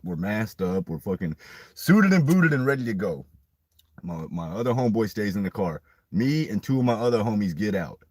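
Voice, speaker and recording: Deep husky-voiced man telling a story. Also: no echo. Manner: rambling, profane, animated retelling. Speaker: podcast storyteller. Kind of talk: casual storytelling.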